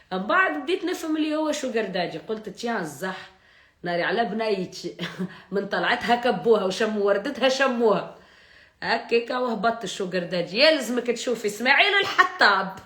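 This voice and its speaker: A woman's voice: mid-range voice, a bit bright. A woman with a Tunisian accent chatting on a live stream, joking and mocking, and laughing often. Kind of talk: casual live-stream chat. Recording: roomy echo.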